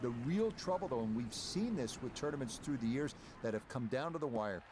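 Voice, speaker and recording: A man working as a golf commentator, calling play in a measured broadcast style for a video game. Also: mid-range voice, lively intonation, lightly acted. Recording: crowd noise behind the voice. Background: golf crowd.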